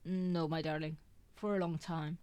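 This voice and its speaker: Woman doing a soft-spoken grieving father. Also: low voice, level tone, moderate pace, clear, resonant tone, pitched below the performer's own voice, natural voice. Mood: tender.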